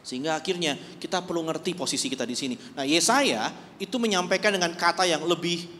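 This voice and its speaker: A male preacher gives a sermon in a church, easygoing in tone but leaning hard on emphasis and rhetorical questions. His voice sits a little high for a man. A long reverb from the hall trails after his words. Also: fast, fairly bright tone, slight background noise.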